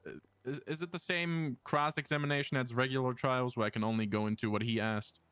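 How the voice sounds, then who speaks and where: A man playing a defense lawyer in an improvised role-play, with a smooth, clear voice and casual, halting delivery. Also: medium pitch, fairly even intonation, a bit bright, no room sound.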